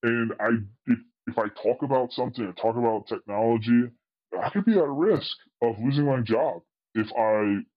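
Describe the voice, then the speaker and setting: Anonymous male guest, disguised altered voice, lowish, muffled, halting with fillers. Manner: hesitant, many fillers and restarts. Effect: voice altered to disguise identity. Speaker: anonymous guest, tech specialist. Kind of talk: interview answers.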